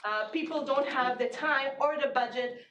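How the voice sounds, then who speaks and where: A woman professor lectures to a classroom, her voice set a little high and easygoing, full of fillers and restarts. She is picked up from a distance, so the room echoes around her. A steady noise sits under the recording. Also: moderate pace, dull audio. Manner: conversational with frequent fillers and restarts. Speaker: marketing professor. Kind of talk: conference lecture presentation. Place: large classroom.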